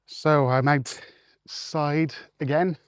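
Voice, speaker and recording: A man's voice: fairly high pitch, steady tone, very slow, clean tone, no room sound, studio quality. A married man talking casually to camera while out walking in open fields, rambling with many fillers and restarts, a little out of breath. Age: adult, married. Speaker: vlogger.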